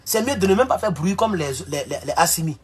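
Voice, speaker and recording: A man's voice: high voice, animated, quick pace, breathy edge. A man hosting a live stream, talking bluntly and scolding commenters, repeating himself often. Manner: blunt, scolding, repetitive with many "voilà". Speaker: YouTube live host. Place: home in Mexico.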